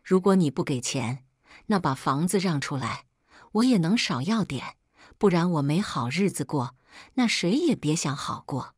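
A woman's voice: sits low, expressive, moderate pace, breathy edge, no echo, studio quality. A woman voicing a menacing, greedy father in his fifties who threatens his daughter. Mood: threatening. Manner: threatening, sneering. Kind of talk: scripted story narration.

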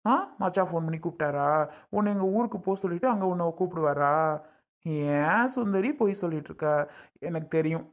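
Brief: a woman doing a kind older brother, slow, gentle and probing. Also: lowish voice, natural voice.

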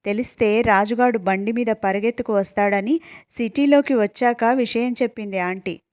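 A woman's voice: fairly high pitch, normal speed, a little mellow, no echo, pitched above the performer's own voice, natural voice. A worried young village man who speaks in a raised, complaining tone with a lilt, as a woman reads him out. The sound is dry and close.

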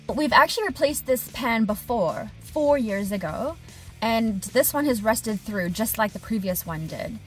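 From a camera on the dashboard at arm's length, we hear a thirtysomething HVAC technician and business owner chatting in a casual vlog diary inside her parked truck. Her voice is a little high and measured in pace, lively and expressive, her hands gesturing. Soft music plays underneath, and the audio quality is poor.

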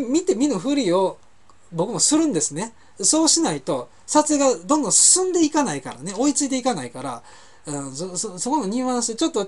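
A man's voice: high voice, darkish tone. A man with a Kansai accent hosting a talk show, telling rambling anecdotes in a casual monologue and often correcting himself mid-sentence. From Kansai, Japan. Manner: chatty, rambling anecdotes with frequent self-corrections. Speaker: host of a web talk show.

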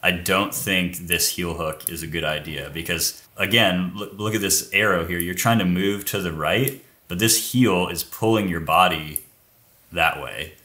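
Deep, bright-toned man explaining technique. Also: measured pace. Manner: explanatory, pointing things out on screen. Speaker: co-host explaining climbing technique. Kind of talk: casual technique breakdown.

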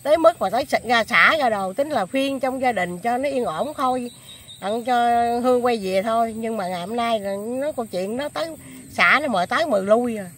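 An older woman interviewed outdoors, speaking haltingly with many fillers. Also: a little high, animated, a bit bright, slight background noise.

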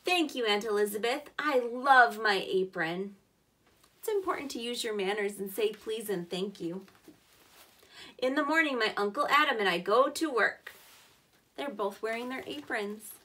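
Speaking to preschoolers, a teacher in her thirties reads a picture book aloud, breaking in with simple, encouraging comments that are easy to follow. Her voice is on the high side, animated and a bit bright, at normal speed, recorded indoors a short way from the microphone.

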